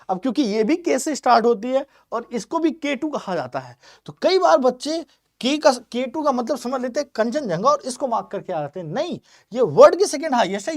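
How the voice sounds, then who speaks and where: A man's voice: extremely high pitch, dry recording, studio quality. A man teaching an exam-prep geography lesson, who keeps asking questions and then answering them himself, with English terms mixed into his Hindi. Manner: repeats points with quiz-style questions.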